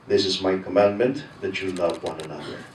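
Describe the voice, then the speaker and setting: Male priest, Filipino accent, low-pitched, measured declaiming delivery, heard from afar in cathedral-like echo. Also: steady tone. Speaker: priest, homilist. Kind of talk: liturgical reading and sermon. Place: large echoing church interior. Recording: cathedral-like echo, distant mic, faint noise.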